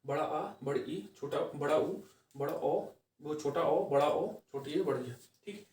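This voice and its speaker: A man teaching grammar for exam prep, posing questions and answering them himself, repeating key phrases slowly and tagging lines with "okay". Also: on the high side, a little mellow. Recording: echoey room, voice from far off the mic.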